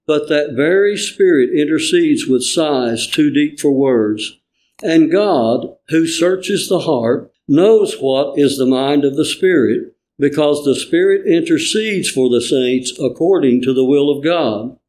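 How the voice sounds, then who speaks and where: Soft-toned man reading scripture. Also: on the high side, animated, measured pace, rough recording. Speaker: scripture reader in church.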